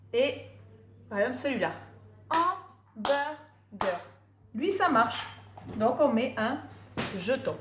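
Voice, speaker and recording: A woman teacher giving a remote lesson to young children, lively and drawing out words slowly, syllable by syllable. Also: high-pitched. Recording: echoey room, faint noise.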